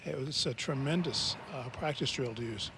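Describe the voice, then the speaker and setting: A man's voice: medium pitch, moderate pace, noisy background. A man giving live golf commentary in short, descriptive, conversational observations.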